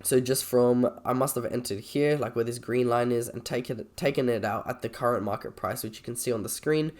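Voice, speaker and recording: A man with a croaky, slightly sick voice, talking informally and a little hesitantly as he reviews trades on a screen recording. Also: mid-range voice, fairly quick. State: sick with a cold or cough. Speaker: trader presenting a video.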